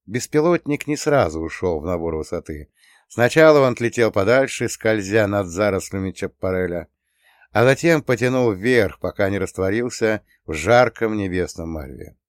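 A man narrating an adventure audiobook in the first person, with steady storytelling. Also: fairly low pitch, moderate pace, dry recording, clean studio sound. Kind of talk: scripted narration.

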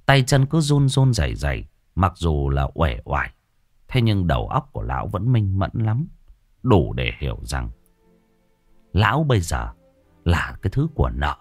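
A man narrating a ghost story in a dramatic, expressive storytelling manner. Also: deep voice, normal speed, dry recording, clean studio sound, soft background music.

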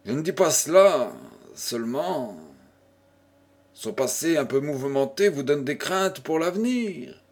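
A man's voice: fairly high pitch, expressive, a little slow. A man voicing a proud young widow who firmly refuses a marriage, in a storybook reading. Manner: firm, slightly ironic.

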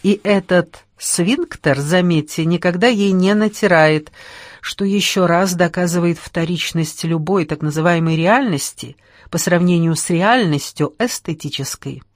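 A woman's voice: lowish voice, unhurried, dry recording, clean studio sound. A woman reading an audiobook, voicing a tipsy man who rambles in a mock-lecturing, sing-song way. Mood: ranting.

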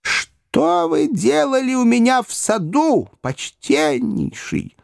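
A man's voice: mid-range voice, wildly swooping pitch, moderate pace, gravelly, husky, no room sound, clean studio sound, full character voice. A man voicing an elderly headmistress of a girls' school who speaks weakly and falteringly. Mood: faint. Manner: weak, faltering.

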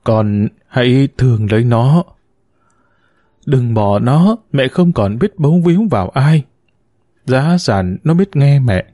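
A man's voice: medium pitch, expressive, slow, dark tone, no room sound, clean studio sound. A man voicing a grieving elderly mother-in-law who pleads tearfully, in an audiobook reading. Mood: imploring. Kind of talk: audiobook narration.

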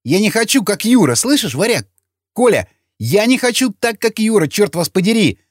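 A man doing a shrill panicky wounded guy. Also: big pitch swings, normal speed, no room sound, studio quality. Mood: panicked. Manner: shrill, frantic, cursing. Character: panicky wounded foul-mouthed young man.

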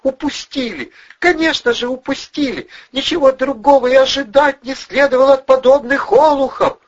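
A furious, hysterical woman screeching in a thin falsetto, hurling insult after insult. The voice sits far above his own and sounds husky and dull, like a lo-fi audiobook recording. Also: normal speed. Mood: shrieking furious. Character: hysterical blonde woman shrieking at thugs.

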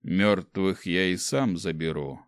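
A man playing a cold, scornful ancient dark mage who speaks slowly and mockingly in an audiobook. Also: low voice, clean tone, no room sound, studio quality. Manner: slow, mocking, detached. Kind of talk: audiobook character voice.

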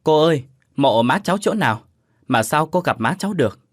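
A man's voice: fairly high pitch, animated, a little fast, no room sound, studio quality, voice pushed up. A man playing a distraught young son, voice rising. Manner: pleading, agitated outbursts. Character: anxious young man, grieving and vengeful.

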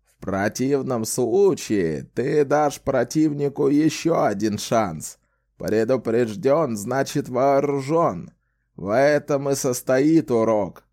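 A man voicing a sly, wry old male wizard who talks in a slow, theatrical, teasing way in an audiobook. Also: mid-range voice, animated, darkish tone, voice pushed up. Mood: lecturing. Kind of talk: audiobook character voice.

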